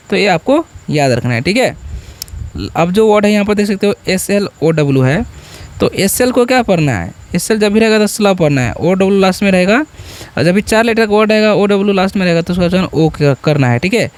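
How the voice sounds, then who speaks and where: A man teaching English to beginners in Hindi. He spells each word letter by letter, asks questions and answers them himself, and says "ठीक है" again and again. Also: sits high. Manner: repeats "ठीक है" often.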